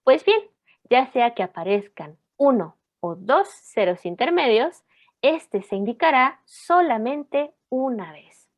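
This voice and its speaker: Woman reading a lesson script, slow and careful, kinda high voice, bouncy intonation, dull lo-fi audio. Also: sing-song. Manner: measured, clear explaining, reads examples slowly. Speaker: language teacher.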